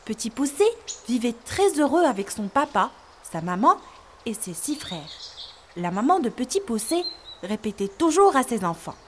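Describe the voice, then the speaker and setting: A woman narrating a children's story in a clear, expressive storytelling manner for learners. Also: fairly high pitch, moderate pace, slight background noise.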